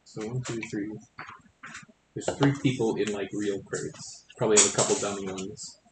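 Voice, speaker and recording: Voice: sits low, steady tone, moderate pace. A player in a casual tabletop game chat, giggly and chatty. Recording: echoey noisy room.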